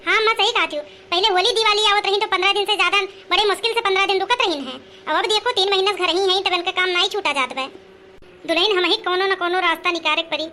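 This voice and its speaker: A woman's voice: extremely high pitch, fast talker, bright, forceful tone, slight background noise. An actress playing a nagging, scolding village mother-in-law who speaks an in a comedy skit.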